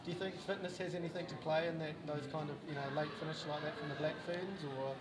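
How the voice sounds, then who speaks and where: A man working as a sports reporter, putting brisk post-match questions to a player, heard off-mic. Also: fairly high pitch, steady tone, rough recording.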